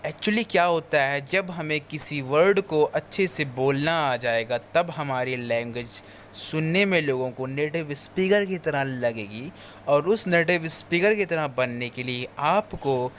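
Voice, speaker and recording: A man's voice: fairly high pitch, a little slow, a bit bright, slight background noise. A man teaching English pronunciation in a video lesson. He explains step by step, repeats key points and mixes English phrases into his speech.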